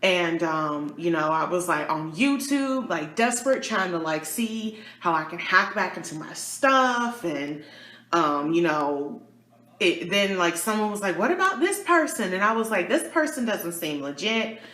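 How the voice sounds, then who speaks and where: A woman telling a storytime on her vlog, chatty and animated, acting out what people said with big jumps in pitch. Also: a little slow, roomy sound. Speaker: YouTuber and kindergarten teacher.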